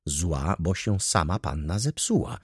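A man puts on a self-important male servant who orders everyone about. The voice sits low and husky, with a lively, rising and falling delivery. The recording is close and dry. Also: a little slow, no echo, exaggerated voice. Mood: haughty. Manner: haughty, condescending, commanding. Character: pompous, bossy male valet, self-important.

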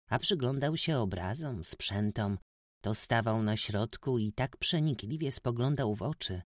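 A man narrating a classic novel as an audiobook, reading in an expressive way. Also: lowish voice, no room sound, clean studio sound.

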